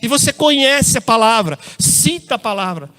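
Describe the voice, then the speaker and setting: High-voiced Brazilian preacher. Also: male voice, sing-song, normal speed, bright, forceful tone, soft background music. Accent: Brazilian Portuguese. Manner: addresses congregation as brothers, tells personal anecdotes. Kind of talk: sermon. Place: church.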